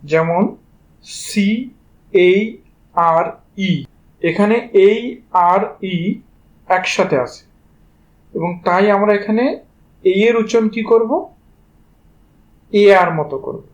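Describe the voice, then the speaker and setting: In this muffled clip, a high-pitched man speaks slowly and steadily, pausing often. His accent is Bangladeshi Bengali, and he runs a spelling-based English pronunciation lesson, talking informally and directly to his students and spelling each word letter by letter before pronouncing it.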